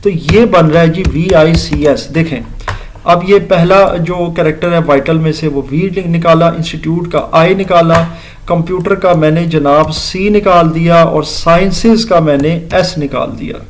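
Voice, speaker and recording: A man's voice: a little high, unhurried, slight background noise. Man teaching grammar, patient explainer. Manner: explains step by step, mixing English terms into Urdu-Hindi speech; addresses listeners politely with "janab" and "ji". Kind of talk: classroom lecture.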